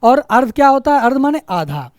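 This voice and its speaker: Sing-song and brisk, his very high, slightly mellow voice comes from a studio recording with no room sound. He teaches Hindi grammar online for an exam, asking rhetorical questions and answering them, repeating key phrases for emphasis, and checking in with his students.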